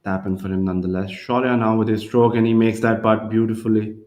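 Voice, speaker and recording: A man working as a golf commentator on a telecast, analysing each shot in a measured, slightly hesitant way. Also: fairly low pitch, level tone, a little mellow.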